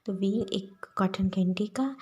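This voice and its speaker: A woman tells a fan-fiction story in a relaxed, casual way. Her voice is mellow and husky, with a soft, breathy quality and a middle pitch. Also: a little slow.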